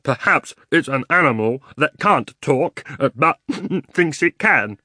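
A man's voice: on the high side, lively intonation, takes it slowly, no room sound, clean studio sound, pitched above the performer's own voice, full character voice. Man doing a cheerful, foolish donkey. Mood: bright. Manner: bright and chuckling.

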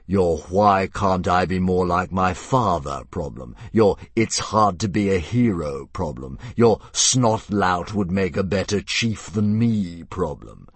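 A man voicing a huge, sleepy, smugly polite old male dragon who speaks with slow courteous menace. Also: deep voice, lively intonation, breathy edge, no echo, heavily acted.

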